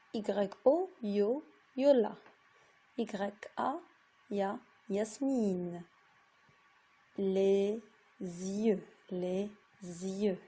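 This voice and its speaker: Slow, patient woman teaching reading. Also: mid-range voice, warm tone, husky. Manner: slow, patient, repeats each word. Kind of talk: reading lesson for young children.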